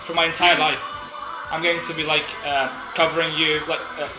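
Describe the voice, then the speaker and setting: A man's voice: fairly high pitch, flat delivery, fairly quick. Man hosting a reaction show, roomy echo. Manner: explains and translates song lyrics for guests. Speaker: host. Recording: roomy echo with music behind.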